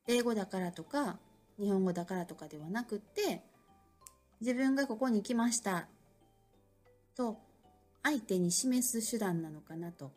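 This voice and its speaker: A woman's voice: mid-range voice, darkish tone. A middle-aged woman with an Osaka accent, an English school owner hosting a casual solo talk, chatty and reflective with many fillers. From Japan.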